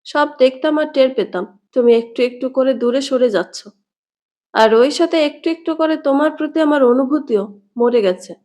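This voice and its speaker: A woman's voice: high-pitched, moderate pace, close to an everyday voice. A woman reading as a wounded, resolute young woman. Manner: calm, firm and wounded. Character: hurt, resolute young woman ending a romance. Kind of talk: storybook reading.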